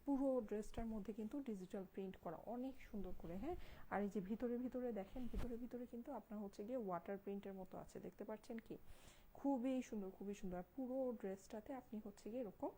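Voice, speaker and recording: A young woman with a Bangladeshi Bengali accent hosts a live clothing sale in a hushed voice, careful not to wake her sleeping child. Her tone is mellow and warm. She keeps repeating her praise and checking in with the listeners, over a faint background hum. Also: mid-range voice, quick pace, poor audio. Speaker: online clothing seller. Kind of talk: Facebook live sales pitch.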